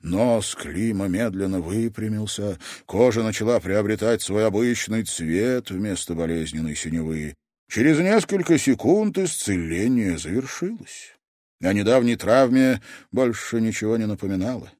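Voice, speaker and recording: A man narrating an audiobook in an expressive, dramatic reading style. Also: fairly low pitch, normal speed, dry recording, studio quality. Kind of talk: scripted narration.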